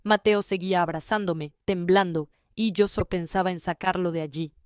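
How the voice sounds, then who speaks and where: A woman reading a first-person family story in an even, measured way. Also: on the low side, clear, resonant tone, dry recording, clean studio sound. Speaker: narrator.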